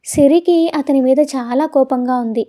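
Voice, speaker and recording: High-voiced woman storyteller. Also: normal speed, dark tone. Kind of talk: scripted narration.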